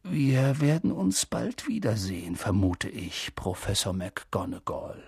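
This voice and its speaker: A man voicing a calm, wise old male wizard who speaks mildly and in measured words. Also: on the low side, creaky, breathy edge, no echo, studio quality, heavily acted.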